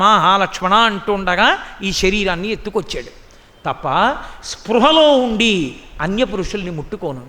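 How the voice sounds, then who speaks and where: A man's voice: high voice, sharp tone. A man giving a devotional discourse, chanting verses and retelling the words of epic figures in a declamatory way. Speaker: religious discourse speaker. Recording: long hall reverb.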